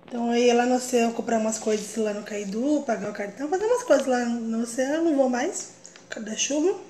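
A woman's voice: fairly high pitch, fast, mellow, a little hiss or hum. A young woman and mother chatting casually to her viewers as she narrates her day at home. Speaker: vlogger and mother.

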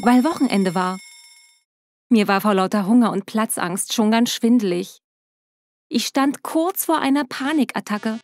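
A woman narrating her own story in the first person in a steady, scripted storytelling manner. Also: fairly high pitch.

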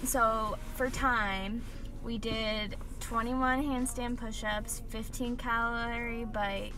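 A woman's voice: fairly high pitch, fairly even intonation, slow, music in the background, poor audio. Chatty young woman vlogging from her car. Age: young adult. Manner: chatty, upbeat, lots of "like" fillers. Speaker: fitness vlogger. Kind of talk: casual vlog chat. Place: parked car and home kitchen. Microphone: phone camera at arm's length.

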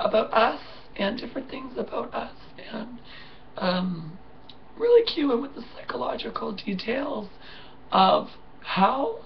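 Woman, hoarse rough voice, tired, halting, high-pitched, muffled slightly distant home recording. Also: slight background noise. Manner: tired, halting, many fillers and soft laughs. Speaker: vlogger. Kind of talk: casual chat to camera.

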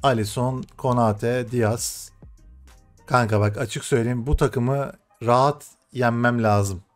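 A young man commentating his own football video game matches, excitable and swearing, shouting at the game and then muttering to himself. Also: medium pitch, takes it slowly, faint music behind. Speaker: gaming streamer.

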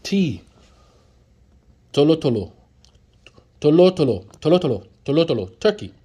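Off camera at an indoor table, a man works casually through flashcards to teach words, repeating each one and cracking jokes with viewers. His voice is a little high and sing-song, warm with a breathy edge, at a moderate pace.

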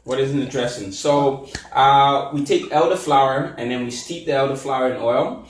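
A man's voice: mid-range voice, moderate pace, a little hiss or hum. A man, a chef, giving a live cooking demonstration at a kitchen island, explaining steps with frequent fillers and restarts. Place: large open-plan kitchen with island. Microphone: far camera. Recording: echoey kitchen, camera mic from a distance.

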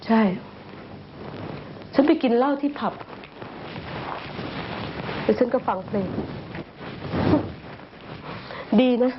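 An actress playing a jealous young wife who has been drinking, sarcastic and accusing, with tearful outbursts. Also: female voice, sits high, takes it slowly, background noise. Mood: sarcastic tipsy. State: tipsy from drinking. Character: jealous, tipsy young wife, bitter and wounded. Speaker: wife in a TV drama. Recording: dull lo-fi TV sound with music score.

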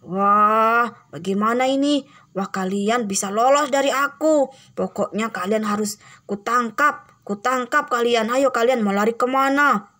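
A woman voicing a huge menacing giant who hunts children, talking slowly and gloating with booming laughs in a cartoon game drama. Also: bright, forceful tone.

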